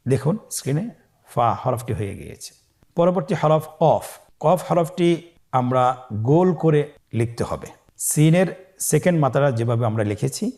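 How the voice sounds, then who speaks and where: A man teaching Quran letter pronunciation step by step, slowly drawing out each letter for the listener to repeat. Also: on the high side, darkish tone. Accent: Bangladeshi Bengali. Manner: slow, drawn-out model pronunciations for the listener to repeat.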